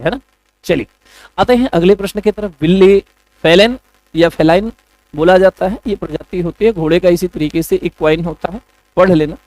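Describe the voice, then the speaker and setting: A man runs an online exam coaching lesson in a fairly high voice. He jokes with his students and calls them kids and brothers as he goes through answers. The sound is close and dry. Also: darkish tone, dry recording, low-quality recording. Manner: chatty, joking, addresses students as beta and bhaiya. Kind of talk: online class lecture.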